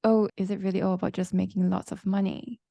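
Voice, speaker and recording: A woman hosts a podcast and leads with curious, open questions. Her voice carries a strong gravelly fry. It is recorded dry, with no room sound. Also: medium pitch, little pitch movement, fast, dark tone, no echo, dull audio. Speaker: podcast host.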